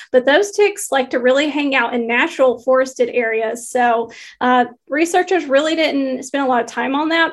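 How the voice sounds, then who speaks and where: A woman with a Southern accent from Georgia, casually summing up research on a panel. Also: high-pitched. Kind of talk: casual research summary and banter.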